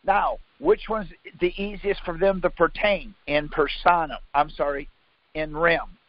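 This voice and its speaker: Over a muffled, lo-fi conference call line, a man with a fairly high voice teaches legal theory by firing questions at his listener. He speaks unhurriedly and informally but insistently, often contradicting the other person, and the recording itself is dry.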